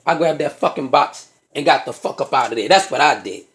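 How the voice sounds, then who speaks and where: A man telling a comic story, animated and profane, acting out the dialogue himself. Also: medium pitch, fairly quick. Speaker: stand-up comedian.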